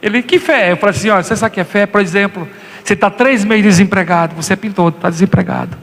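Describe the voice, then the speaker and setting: A Brazilian man preaching a sermon as pastor, impassioned and swinging into high, acted quotes. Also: fast talker, a bit bright, long reverb tail.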